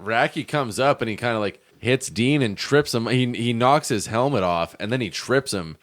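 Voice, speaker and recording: A man's voice: mid-range voice, moderate pace. A man co-hosting a movie podcast, recapping scenes in casual chat and briefly acting out characters' lines. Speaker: podcast co-host.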